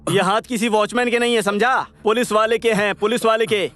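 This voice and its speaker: A man dubbing a sharp-tongued, fearless police officer who talks in a sarcastic, taunting and commanding way, in a Hindi film dub. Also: high voice, fairly even intonation, fairly quick, soft background music. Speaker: police investigator.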